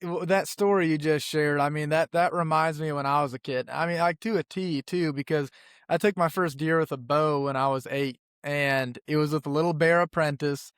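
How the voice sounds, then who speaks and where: Smooth-voiced podcast host. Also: male voice, fairly high pitch, moderate pace, dry recording, clean studio sound. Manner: relaxed, earnest, repeats words as he thinks. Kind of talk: casual conversation.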